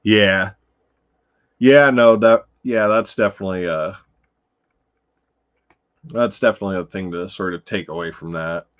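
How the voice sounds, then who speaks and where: A man hosts a casual film-talk livestream, rambling along with swearing and many fillers. His voice sits on the low side, and the audio is dull and lo-fi. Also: unhurried, pauses often. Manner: rambling and profane, full of fillers. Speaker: livestream host. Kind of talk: casual livestream chat about films.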